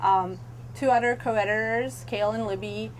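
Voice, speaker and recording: A woman's voice: medium pitch, fairly even intonation, normal speed, a little hiss or hum, poor audio. A young woman from Serbia, chatting as a guest in a casual interview, with lots of fillers and laughter. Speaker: guest, website editor. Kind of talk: casual chat.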